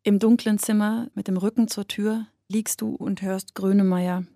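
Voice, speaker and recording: In a radio drama, an actress plays a somber narrator delivering a measured, reflective, literary monologue to a withdrawn loved one. Her mid-range voice is mellow and fairly even in intonation, lightly acted, in a dry, studio-quality recording.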